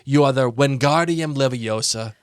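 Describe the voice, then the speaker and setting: An American podcast host chats casually and playfully, bantering as he reads listener emails aloud. His mid-range voice is smooth and moderately paced, recorded with studio quality and no room sound.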